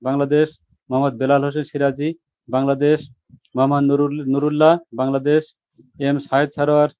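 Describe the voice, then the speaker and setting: A man, the book's editor, reading out a long list of contributors in a steady, even voice. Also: medium pitch, brisk, smooth, dry recording. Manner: steady, monotone listing. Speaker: book editor. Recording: dull lo-fi sound.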